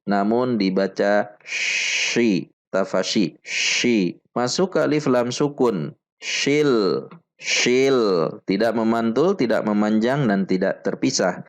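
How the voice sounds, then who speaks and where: A man teaching Quran recitation rules step by step, slowly repeating each syllable for drill. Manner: chants the Arabic verses in a higher, fuller voice. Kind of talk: slow step-by-step tajwid lesson.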